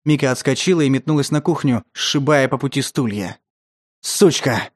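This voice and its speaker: A man narrating a tense story in a steady, scripted audiobook style. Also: medium pitch, brisk.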